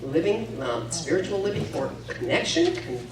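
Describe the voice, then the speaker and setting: A woman's voice: on the low side, huge pitch swings, normal speed, crowd noise. A woman giving chatty announcements at the end of a church service. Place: large church hall. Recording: echoey hall from far off with audience.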